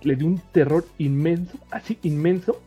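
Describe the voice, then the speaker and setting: Mexican man, husky, a bit high-pitched, teasing storyteller, faint music. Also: normal speed, dull audio. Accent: Mexican Spanish. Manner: animated, teasing, repeats himself. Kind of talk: casual chat.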